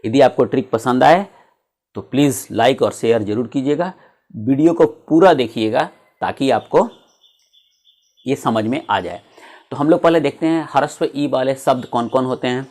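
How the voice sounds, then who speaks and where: A man teaching Sanskrit grammar in a video lesson, slowly reciting word forms and often stopping to check that viewers follow. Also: medium pitch, darkish tone. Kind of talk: classroom-style video lesson.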